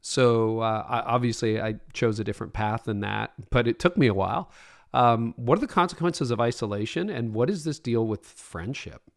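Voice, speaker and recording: Gravelly-voiced man hosting a podcast. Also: mid-range voice, normal speed. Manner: casual, friendly questioning, light laughter. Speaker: podcast host.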